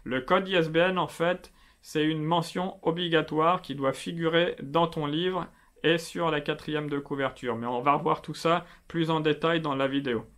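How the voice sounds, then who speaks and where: A man with a slightly high voice hosts a casual explainer on self-publishing. He talks in a chatty, familiar way, tutoring the viewer directly. His speech is full of little fillers. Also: steady tone, normal speed, fairly bright tone. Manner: chatty, familiar, many fillers like euh and bah. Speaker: self-publishing video host.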